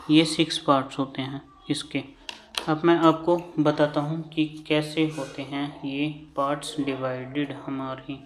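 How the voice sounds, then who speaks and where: A man's voice: a little high, slight background noise. A man with an Indian English accent teaching shorthand vowels, patiently repeating each term while he writes. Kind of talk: slow classroom lesson at a board.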